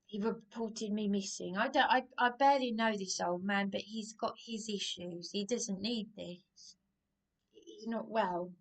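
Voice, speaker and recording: A woman's voice: mid-range voice, measured pace. A woman in an emotional, rambling monologue, agitated and repeating herself. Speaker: vlogger.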